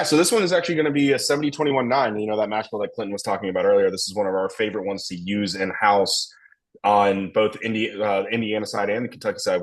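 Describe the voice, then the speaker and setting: A young man, a distillery blender talking through a tasting in a rambling, enthusiastic way. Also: lowish voice. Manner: rambling, enthusiastic, lots of fillers. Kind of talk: casual tasting talk.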